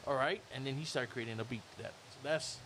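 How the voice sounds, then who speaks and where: A man in his fifties, a rapper and guest on a casual roundtable, telling lively stories and mimicking sounds and voices. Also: mid-range voice, quick pace, slight background noise.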